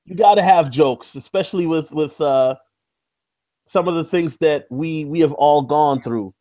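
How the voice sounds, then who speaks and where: A man hosting a casual live-stream interview over a video call, his audio choppy and lo-fi from a bad connection, talking in a halting way with many fillers. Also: fairly high pitch, warm tone, no echo. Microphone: video call from a backup laptop.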